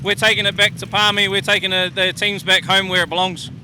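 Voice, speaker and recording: A man's voice: sits high, little pitch movement, fairly quick, bright, forceful tone, low-quality recording. A man with a New Zealand accent, a team manager giving confident, jokey answers in a casual interview. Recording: outdoor speedway with engine noise.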